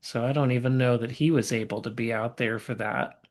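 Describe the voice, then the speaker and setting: A woman from Oklahoma with a faint drawl co-hosting a casual sports podcast, bantering at an easy, unhurried pace. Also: rumbling low, steady tone, darkish tone. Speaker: podcast co-host. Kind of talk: casual chat.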